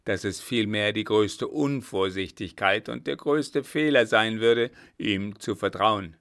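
A man's voice: on the low side, a little slow, fairly bright tone, no room sound, clean studio sound. A man reading aloud, voicing a cold-blooded, unyielding army captain interrogating a prisoner. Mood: cold firm.

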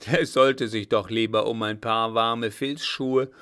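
A man doing a bellowing gruff old field marshal. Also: mid-range voice, steady tone, unhurried. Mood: blustering. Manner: loud, bellowing, brusque.

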